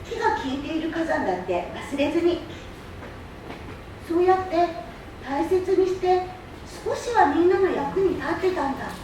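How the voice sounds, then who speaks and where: A woman playing an earnest, curious young boy in a theatrical staged reading. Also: very high-pitched. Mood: earnest, proud. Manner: deliberate, expressive storytelling with wondering questions. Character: little prince, earnest, curious young boy from a tiny planet. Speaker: stage reader. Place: public hall stage. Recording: distant mic in echoey hall, faint noise.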